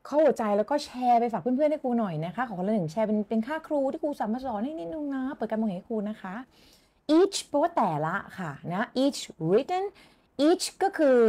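A woman's voice: mid-range voice, darkish tone. A woman with a Thai accent teaching English in a live stream, chatting with viewers, thanking them and asking her students questions.

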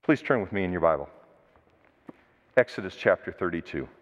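A male pastor preaching a sermon and retelling a Bible story in a conversational, animated way. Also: sits low, fairly quick. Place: church sanctuary. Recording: dull recording with long church reverb.

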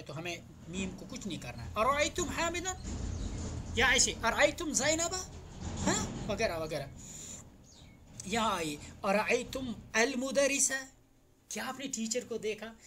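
A man from India teaching Arabic grammar in Hindi-Urdu, saying Arabic phrases slowly and repeating them before translating, often asking the class a question before he answers it. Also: sits high, fairly bright tone.

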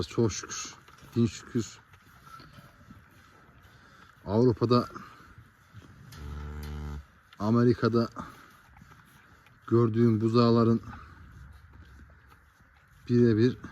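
A man's voice: medium pitch, a little mellow, a little hiss or hum. A man, a cattle farmer, talking casually to his viewers and fondly coaxing his animals, out of breath. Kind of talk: casual farm vlog to viewers.

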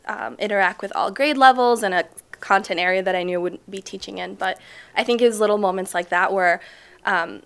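Woman, twenties, from Chile, teacher, interview answers, thoughtful, ums, middle pitch. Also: brisk, vocal fry, clean tone. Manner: thoughtful, frequent ums, soft trailing off. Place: school library, indoors. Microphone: off-camera mic, seated interview framing.

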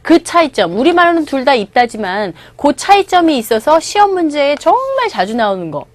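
High, animated Korean woman teacher, middle-aged, drills pronunciation, dry close sound. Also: fairly quick, dry recording. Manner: explains film lines, has students repeat pronunciation. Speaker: English teacher. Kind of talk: online English lecture.

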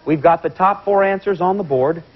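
A man hosting a TV game show, lively and joking with the contestants, heard on an old VHS tape recording. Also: high voice, fairly quick, lo-fi sound. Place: TV studio with audience.

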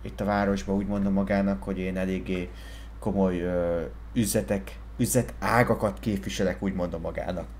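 A man in a game roleplay playing a self-important businessman, rambling on and at times shouting angrily. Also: low-pitched, level tone, slight background noise. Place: game voice chat.

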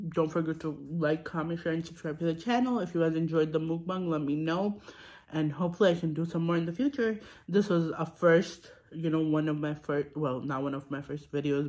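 In this casual mukbang, a young woman vlogger talks between bites, chewing and sipping as she rambles with ums and restarts. Her voice is low with a darkish tone.

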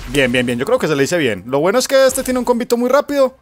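Man, Colombian accent, gameplay commentary, casual, swears, talks to himself, slightly high voice. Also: very animated, fast talker. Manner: casual, profane, talks to himself and his opponent. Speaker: gamer.

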